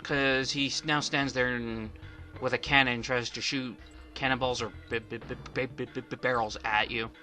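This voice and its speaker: A man's voice: medium pitch, steady tone, normal speed, pushed and bright, soft background music. A man giving casual let's play commentary, rambling and often stuttering on the first syllables of words.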